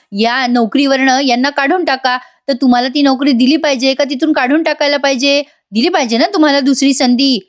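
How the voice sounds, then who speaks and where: A woman's voice: high-pitched, natural voice. A woman voicing a stern young man who sharply defends his family in a retold TV scene. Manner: sharp and indignant.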